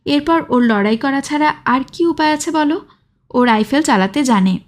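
A woman reading out a tough young guy fighter, curt and bossy, kinda high voice. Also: lively intonation, normal speed. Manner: curt, commanding. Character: young male freedom fighter, hardened and vengeful.

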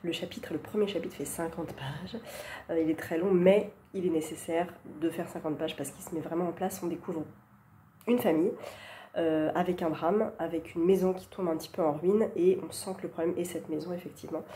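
Book vlogger lady, lowish mellow voice, lots of euhs, half whispers sometimes, faint hiss behind. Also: fairly even intonation, a little fast. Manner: chatty, hesitant with frequent fillers, often drops to near-whisper. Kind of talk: casual book chat.

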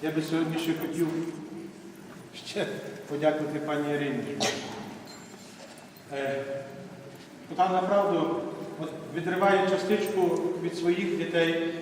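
A man, a priest, giving a sermon and leading a first communion ceremony, with a formal address that turns to warm calls to the children by name. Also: fairly high pitch, little pitch movement, a little slow, pauses often. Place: large church, recorded from a distance. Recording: echoey church from far off, faint noise.

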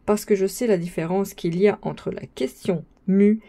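A woman's voice: medium pitch, fairly even intonation, normal speed, gravelly, warm tone. A woman voicing a pompous young male student who lectures his friends in a grand, sermonizing manner, read as an audiobook. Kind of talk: audiobook reading.

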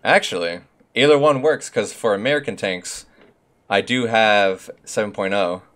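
A man with a fairly low, slightly bright voice streams a tank game at a normal pace, chatting casually with a friend. Laid-back throughout, he mutters to himself while choosing his gear.

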